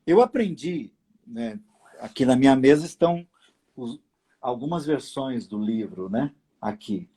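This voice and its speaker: A man hosting a late-night live video chat from his apartment, speaking slowly and deliberately with long pauses and fillers. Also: medium pitch, expressive, dark tone, breathy edge. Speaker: host. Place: apartment at home.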